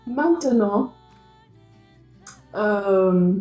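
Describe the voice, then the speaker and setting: A young adult woman vlogging casually, talking straight to her viewers in a lively, chatty way. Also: medium pitch, drawn-out words, reverberant, muffled recording, soft background music. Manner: lively, talks directly to viewers. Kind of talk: casual motivational vlog.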